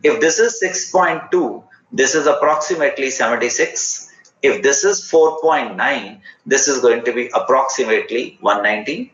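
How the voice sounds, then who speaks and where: A man's voice: mid-range voice, animated, normal speed, a bit bright. Indian man teaching, in roomy lo-fi audio. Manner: repeats short phrases and instructions, questioning students directly. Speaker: teacher of an online chemistry class. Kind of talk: interactive online lesson, mixing English and Hindi. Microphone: online class call. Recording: roomy, dull lo-fi online class audio with faint noise.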